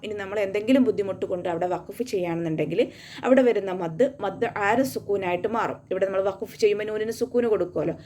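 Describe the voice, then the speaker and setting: In an online tajweed class, a Quran recitation teacher goes through the rules one step at a time, patiently. She speaks at a medium pitch with a slightly mellow quality, reciting Arabic slowly and melodically between explanations.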